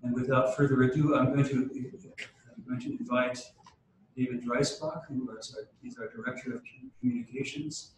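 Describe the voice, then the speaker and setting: A man addresses a church gathering in a measured, formal way and then leads a prayer, now and then catching himself in small halting restarts. His mid-range voice sits well away from the microphone and is swallowed by a deep cathedral echo. A faint room ambience sits beneath it. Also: expressive, a little hiss or hum. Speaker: church leader opening a diocesan meeting. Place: large church hall. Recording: cavernous church echo from a distant mic.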